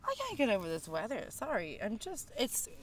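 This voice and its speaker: A woman's voice: fairly high pitch, wildly swooping pitch, fairly quick. A woman chatting casually outdoors, teasing and joking with a friend. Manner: teasing, jokey. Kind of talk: casual chat. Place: outdoors, walking.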